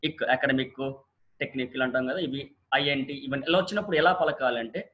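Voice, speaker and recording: Speaking quickly at a medium pitch, a male teacher uses Telugu to explain where stress falls in English words for exam preparation. The recording sounds muffled, and he repeats every example twice with deliberate syllable stress.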